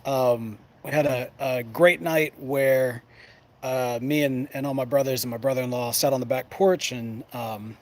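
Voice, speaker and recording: A man chatting casually to camera as a show host, folksy and playful, often rambling and breaking off mid-thought. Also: mid-range voice. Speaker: host of a pipe smoking show. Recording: clear background noise, ambient sound.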